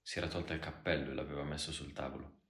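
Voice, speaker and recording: A man reading a literary story aloud in a slow, measured way as an audiobook narrator. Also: very deep voice, flat delivery, fairly bright tone, echoey room.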